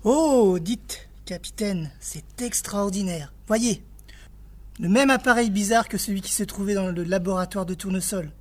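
A woman's voice: mid-range voice, a little slow, a little mellow, close to an everyday voice. A woman doing an eager young detective. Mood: curious, eager.

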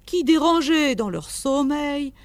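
A woman reading a story aloud in measured audiobook narration. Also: high-pitched, animated. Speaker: reader.

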